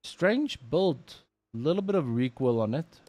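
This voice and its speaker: A man's voice: fairly high pitch, very animated, measured pace, background noise. South African man doing casual gaming commentary. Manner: informal, slangy. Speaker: livestream host and game commentator.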